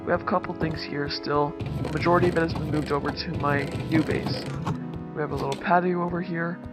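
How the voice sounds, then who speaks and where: A man speaking through a voice changer as he hosts a relaxed, easygoing tour of his game world. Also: a little high, fast talker. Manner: laid-back, easygoing, talks while touring his builds. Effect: voice changer disguising his voice. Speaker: gaming channel host. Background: background music.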